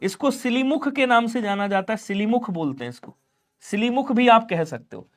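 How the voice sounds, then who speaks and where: High-voiced man teaching a brisk class. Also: lively intonation, a bit bright. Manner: brisk, repetitive drilling, chatty asides to students. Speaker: online exam tutor. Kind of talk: live online grammar class.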